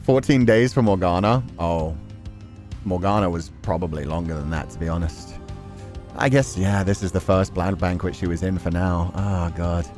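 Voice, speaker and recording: Soft background music accompanies a deep-voiced streamer reading a visual novel aloud and reacting candidly, swearing freely. He talks at a normal speed with fairly even intonation and a slightly mellow tone.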